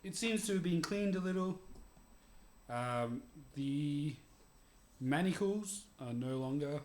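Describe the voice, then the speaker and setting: A game master narrating a tabletop game in an unhurried way, laughing often and using many fillers. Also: mid-range voice, expressive, a little mellow.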